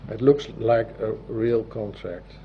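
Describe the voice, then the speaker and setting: In dull, muffled audio with heavy background noise, a man from the Netherlands presents formally as a civil law notary, partly reading from a script. He has a Dutch accent, a lowish voice, and a deliberate, halting delivery.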